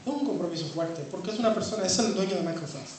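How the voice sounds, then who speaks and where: A woman preaches a sermon, dropping to quiet, low talk and then climbing into loud, high-pitched calls. She often poses rhetorical questions. The recording is very echoey and distant, with a faint hiss of noise underneath. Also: expressive, fast.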